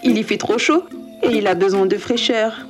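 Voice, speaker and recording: A woman's voice: medium pitch, lively intonation, moderate pace, music in the background, natural voice. A woman voicing a chorus of playful little raindrops in a children's story. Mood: cheerful.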